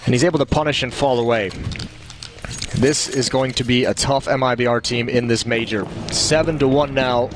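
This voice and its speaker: A man's voice: medium pitch, fairly even intonation, a little fast. A man giving analytical, conversational esports caster commentary on a live match. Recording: faint game noise and clicks behind.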